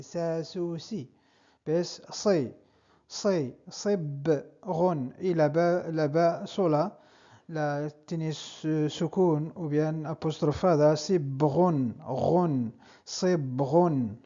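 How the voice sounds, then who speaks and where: A male language teacher with a fairly high voice leads an online lesson at a very slow pace. He repeats words patiently for the learner. The recording sounds dull and lo-fi. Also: dark tone. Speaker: Arabic teacher.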